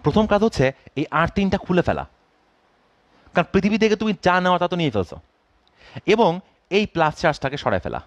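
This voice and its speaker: A male physics teacher, his voice fairly high and swinging up and down as he explains. He keeps asking his students whether they follow. The sound is dry and close. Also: sing-song, a little fast, long pauses, no echo, lo-fi sound. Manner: asks students constant check-in questions; mixes English phrases into explanations. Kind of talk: classroom lecture.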